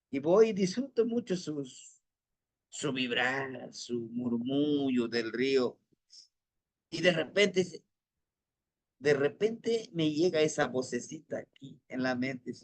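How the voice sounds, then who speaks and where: A man, leading a guided spiritual lesson in a gentle, reflective way, often asking rhetorical questions. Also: medium pitch, slow pace. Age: 40s. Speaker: spiritual teacher.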